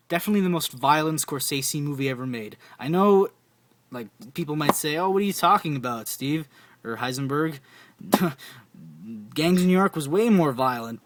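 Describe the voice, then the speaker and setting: A man's voice: medium pitch, background noise. Enthusiastic young man swearing about movies. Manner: enthusiastic, swears often, repeats titles. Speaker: film collector reviewing his DVD shelf. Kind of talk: casual profane movie recommendations.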